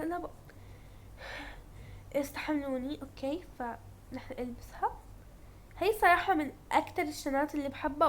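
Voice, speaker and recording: A woman's voice: sits high, slight background noise. A young woman, narrating a dress-up game in a chatty, self-mocking way. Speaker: gaming vlogger.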